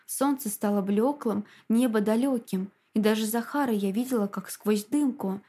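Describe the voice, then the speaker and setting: A woman narrating a novel in a measured, quiet, dramatic reading. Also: a little high. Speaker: audiobook narrator. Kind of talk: scripted narration.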